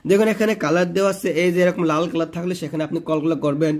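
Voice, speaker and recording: A man's voice: a little high, racing. A man with a Bangladeshi Bengali accent, a Quran teacher giving a word-by-word pronunciation lesson. He spells out syllables one by one, drawls the recited words and asks the listener to repeat after him.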